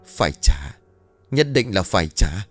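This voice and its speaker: A man voicing a calm, wise elderly grandmother in a ghost story, speaking slowly and deliberately in a lowered voice. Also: husky, no room sound, soft background music, full character voice. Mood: resolute.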